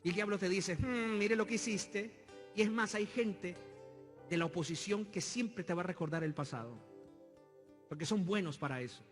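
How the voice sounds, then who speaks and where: A man preaching as pastor, moving between quiet storytelling and loud, shouted exhortation. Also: high-pitched, normal speed. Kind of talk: sermon. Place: church sanctuary. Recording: long hall reverb with soft music.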